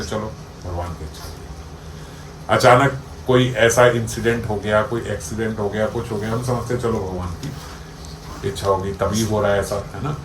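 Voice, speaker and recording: A man's voice: mid-range voice, a bit bright. Male spiritual teacher, mid-range voice, talking with listeners in an echoey hall, light ambient noise. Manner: conversational, explains with everyday examples, checks listeners follow. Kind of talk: devotional discourse. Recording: echoey room with faint ambience.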